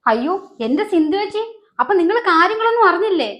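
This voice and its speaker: A woman's voice: very high-pitched, sing-song, fast, fairly bright tone, heavily acted. An actress playing a dramatic, gossiping neighbour woman in a short family drama.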